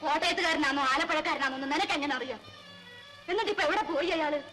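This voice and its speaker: An actress playing a stern but caring elder village woman who scolds her younger companion in sharp rural speech. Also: high voice, quick pace. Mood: scornful. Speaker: elder sister figure. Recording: film soundtrack with reverb and music.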